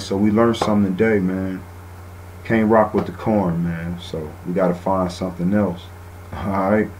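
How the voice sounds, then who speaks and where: A man's voice: lowish voice, darkish tone, slight background noise, rough recording. A man hosting an online radio show, reading passages aloud and then commenting loosely, often ending lines with "man.". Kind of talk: casual talk-radio commentary.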